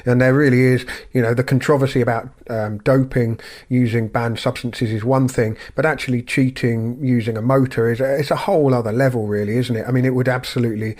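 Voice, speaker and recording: A man co-hosting a cycling podcast, musing in a relaxed conversational way with fillers and asides. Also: medium pitch, a little fast, hardly any pauses. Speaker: podcast co-host. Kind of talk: casual chat.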